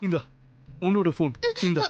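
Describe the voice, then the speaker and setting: A man dubbing a caring fatherly figure in a TV serial, gentle, hesitant and protective. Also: fairly high pitch, normal speed, muffled recording, very noisy, natural voice. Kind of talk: dubbed TV serial drama. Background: background music.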